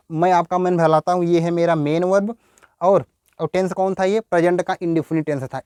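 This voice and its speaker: A man's voice: a little high, dark tone, smooth, no room sound, clean studio sound. A man teaching English grammar in Hindi, repeating words and asking his students rhetorical questions. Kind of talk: Hindi-language grammar lesson.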